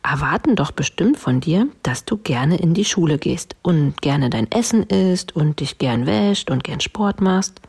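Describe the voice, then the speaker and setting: A woman's voice: low-pitched, animated, measured pace, creaky, few pauses, a little mellow, husky, full character voice. A woman doing a haughty, contrary unicorn. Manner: haughty, huffy. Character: haughty, contrary unicorn who always says no.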